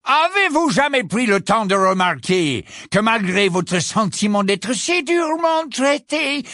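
A man voicing a haughty old male wizard portrait in an audiobook, with a slow, sarcastic, mocking drawl. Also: fairly high pitch, sing-song, a bit bright, no echo, clean studio sound, pitched above the performer's own voice, heavily acted. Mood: scolding. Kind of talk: audiobook character voice.

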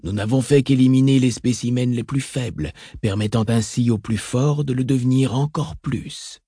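A man reading a calm calculating advisor. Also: mid-range voice, moderate pace, breathy edge, no room sound, clean studio sound. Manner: soft-spoken, reasoned and explanatory. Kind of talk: audiobook reading.

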